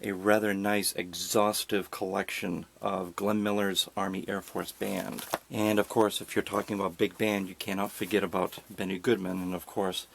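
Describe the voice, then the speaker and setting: Speaking at a normal speed with few pauses, a record collector gives a relaxed video tour of his collection indoors at home, adding dry self-deprecating jokes. His deep voice has vocal fry and little pitch variation, with a faint hiss or hum.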